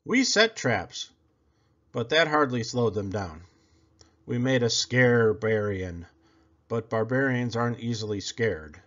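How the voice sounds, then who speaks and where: A male narrator performs a picture book for children, his voice theatrical and full of sweeping pitch changes, lingering on words for effect. He reads a little slowly, captured on somewhat dull, lo-fi audio.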